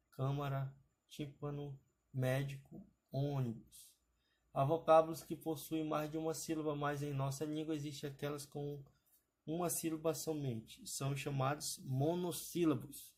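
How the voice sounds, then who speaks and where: A man teaching an exam-prep grammar lesson over slides, often checking in with his students. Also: fairly high pitch. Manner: explanatory, adds frequent "tá, pessoal?" checks.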